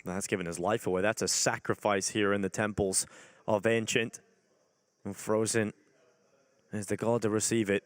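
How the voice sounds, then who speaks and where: A man's voice: lowish voice, little pitch movement, normal speed, long pauses, no echo. A man commentating on an esports match as a caster, in flowing, narrative sentences.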